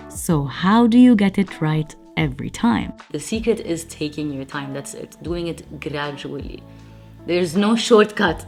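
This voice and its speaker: A woman's voice: on the low side, a little mellow. A young woman, hosting a home cooking vlog in a playful, chatty way and talking straight to her viewers. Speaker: cooking channel host. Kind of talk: casual recipe vlog narration.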